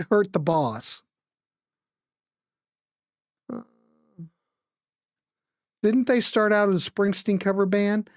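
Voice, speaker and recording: A middle-aged or older woman hosts a music show, chatting and commenting in an animated, rambling, informal way. Her voice is medium in pitch, and the studio sound is clean with no room echo.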